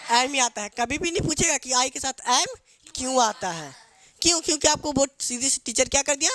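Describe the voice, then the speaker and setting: A male English teacher, teaching grammar to a live classroom in call-and-response style and dictating English phrases slowly. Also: extremely high pitch, expressive, pushed and bright, slight background noise. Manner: call-and-response drilling, asks students to repeat each answer. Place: classroom with students.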